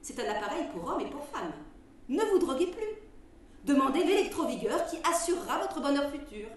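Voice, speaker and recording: A woman playing an insistent, declamatory advertiser delivering a theatrical old-time pitch for a quack cure. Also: big pitch swings, far from the mic. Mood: insistent, bombastic. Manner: declamatory, insistent, rapid-fire questions and commands. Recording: roomy with faint background noise.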